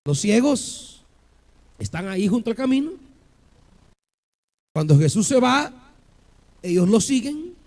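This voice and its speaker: A male pastor preaching a sermon with passion, asking the congregation rhetorical questions and building to shouted peaks. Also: sits high.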